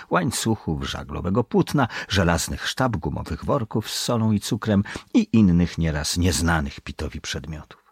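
A male narrator reads an adventure story aloud in an expressive way. His voice is deep, grainy and gravelly, with a lively rise and fall. The recording is close and dry. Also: dry recording. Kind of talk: audiobook reading.

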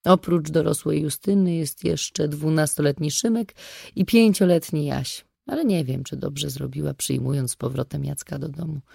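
A woman's voice: low voice, a little slow, vocal fry, dark tone, no room sound, studio quality, full character voice. A reader doing a confiding middle-aged woman. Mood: sceptical. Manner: chatty, confiding. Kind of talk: audiobook reading.

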